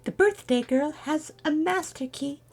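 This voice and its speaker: A man's voice: very high-pitched, a little slow, soft background music, pitched above the performer's own voice. A man voicing a brash, hasty young girl hedgehog detective in a Valley Girl voice, reading game dialogue aloud. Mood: cocky.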